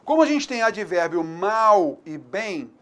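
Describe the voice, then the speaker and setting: A man with a Brazilian accent teaching an online grammar lesson, chatty, checking in with students often and slowing down to spell out example words. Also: high-pitched, big pitch swings, a bit bright. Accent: Brazilian Portuguese. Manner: chatty, repeats tag questions to students. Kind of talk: online exam-prep lesson.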